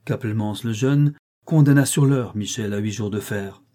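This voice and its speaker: A man reading a nineteenth-century short story aloud, with expressive, theatrical narration. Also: fairly low pitch, moderate pace. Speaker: audiobook reader.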